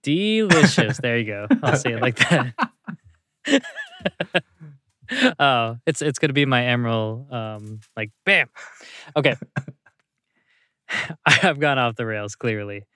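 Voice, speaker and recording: A man's voice: mid-range voice, slow, pauses often, sharp tone, no echo, studio quality. A man co-hosting a podcast in casual chat, playful and jokey. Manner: playful, jokey, laughs often. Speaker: podcast co-host.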